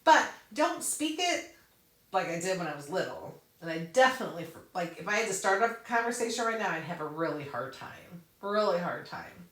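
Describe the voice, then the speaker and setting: Hosting a casual live craft Q&A, a woman whose first language is English answers viewers' questions, thinks aloud while demonstrating on her computer screen, and laughs often. Her lowish voice swings widely in pitch at a moderate pace; the sound has a roomy echo, a bit far from the mic.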